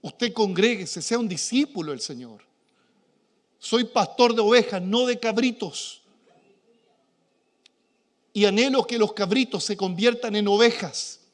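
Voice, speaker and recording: A man with a Chilean accent preaching a charismatic sermon as pastor of a church, moving between shouted exhortation and quiet, joking asides. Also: high-pitched, unhurried, pauses often. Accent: Chilean Spanish. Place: church sanctuary.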